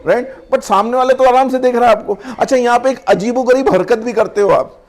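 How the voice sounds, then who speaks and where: A middle-aged man teaching personality development to a class in a lively lecture, mixing Hindi and English and acting out little scenes. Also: very high-pitched, a little fast. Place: classroom or training hall.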